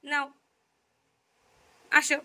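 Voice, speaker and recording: A woman's voice: very slow, pushed and bright. A young woman coaxing her pet in casual, sing-song baby talk, cajoling and repeating herself.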